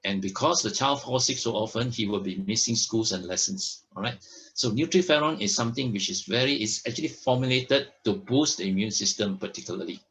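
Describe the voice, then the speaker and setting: A man's voice: fairly low pitch, animated, brisk, a bit bright. A man presenting products in a sales talk, emphatic, often checking in with "all right?" and "okay?". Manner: emphatic, stresses words by repeating them.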